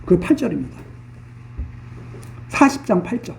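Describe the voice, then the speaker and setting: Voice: mid-range voice, very animated, measured pace, vocal fry, darkish tone, recorded from a distance. Preacher, expository Bible sermon, casual plain explanation, repeated phrases.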